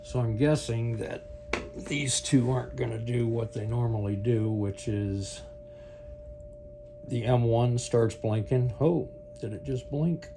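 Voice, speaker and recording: Here a male product reviewer with a mid-range voice talks at a slow pace, giving a loose, unscripted demonstration and musing aloud along the way. The clear recording has a constant hum and some background noise.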